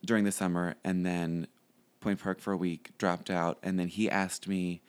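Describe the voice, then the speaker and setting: A man's voice: sits low, little pitch movement, moderate pace, smooth. A young man, a podcast guest, chatting casually and rambling with lots of fillers and restarts. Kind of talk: casual interview chat.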